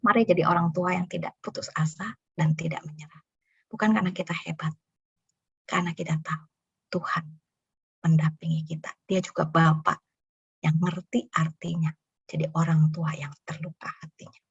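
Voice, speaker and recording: A middle-aged woman giving an earnest, expressive sermon and prayer to a church women's group. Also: low voice, normal speed, creaky, pauses often, husky, no echo. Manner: expressive storyteller, earnest and pastoral. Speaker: speaker at a women's church ministry. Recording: dull lo-fi recording.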